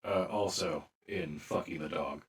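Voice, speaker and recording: A man narrating a tabletop role-playing game as game master, calm and matter-of-fact. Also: deep voice, measured pace.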